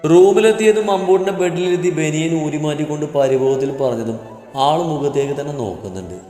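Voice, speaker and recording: A man softly narrating a romantic story. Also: on the high side, fairly quick. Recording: roomy reverb with faint music.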